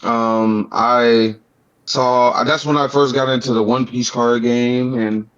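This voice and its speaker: A man's voice: mid-range voice, fairly even intonation, slow, a bit bright, clear, resonant tone. Easygoing man, guest on a podcast. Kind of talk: casual podcast chat. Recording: dull, lo-fi sound.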